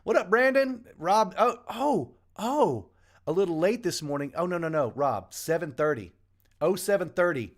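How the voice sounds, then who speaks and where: A man hosting a casual live morning stream from a small home studio, jokey and animated as he greets viewers by name. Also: sits high, normal speed. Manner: animated, jokey, shouting out names.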